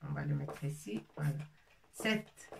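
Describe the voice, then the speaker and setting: A woman's voice: sits low, measured pace, vocal fry, distant mic. A woman teaching a lesson, patiently repeating each word and breaking it into syllables. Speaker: Arabic teacher. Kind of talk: slow spelled-out language lesson.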